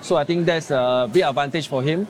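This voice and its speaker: A man's voice: fairly high pitch, a little fast, a little hiss or hum. A middle-aged man with a Singaporean accent, talking as a hawker stall owner in an interview. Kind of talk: interview talk.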